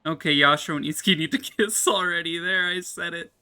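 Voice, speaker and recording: A man's voice: fairly high pitch, quick pace, bright, forceful tone, smooth. A man giving casual, jokey playthrough commentary as a gaming streamer.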